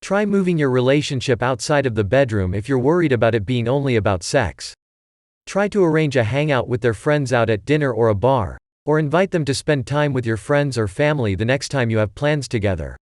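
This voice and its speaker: A man's voice: medium pitch, no echo. Man reading advice in a dry voice. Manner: even, measured reading of a numbered list. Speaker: narrator. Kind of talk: scripted advice narration.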